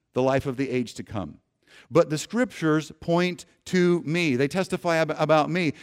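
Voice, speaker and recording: A man preaching a sermon, earnestly leading his congregation and often restarting his phrases, swinging from loud emphasis to soft low endings. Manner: earnest preaching, asks congregation to repeat lines aloud; frequent restarts and repeated words. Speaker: pastor.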